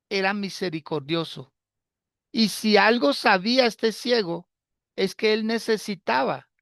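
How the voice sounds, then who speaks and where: A male pastor preaching a sermon in a slow, deliberate way. He repeats his phrases and puts rhetorical questions to the congregation. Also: high voice, gravelly, fairly bright tone, no echo, studio quality.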